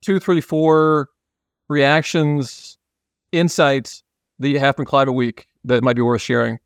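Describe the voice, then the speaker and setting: A male podcast host talks conversationally with a nasal, stuffed-up voice at a middling pitch. The sound is dry and close as he leads the interview. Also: little pitch movement, slow, no echo. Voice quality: nasal, congested. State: congested after illness.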